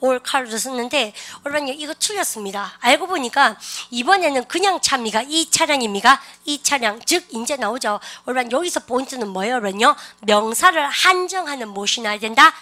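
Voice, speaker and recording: A woman teaching an online English grammar lecture, animated and coaxing her students to repeat example sentences aloud. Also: sits high, fairly quick, few pauses.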